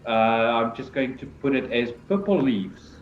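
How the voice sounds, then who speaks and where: A man's voice: mid-range voice, lively intonation, unhurried. A man talking casually as a player in a tabletop role-playing game. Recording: echoey room, dull lo-fi mic, faint noise.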